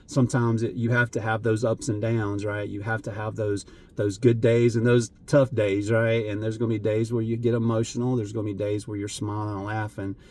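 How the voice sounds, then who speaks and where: A man talking earnestly and emotionally to camera as a vlogger, halting, with many fillers and restarts. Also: lowish voice, level tone, darkish tone, a little hiss or hum. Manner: emotional, voice wavering at times. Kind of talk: heartfelt unscripted talk to camera.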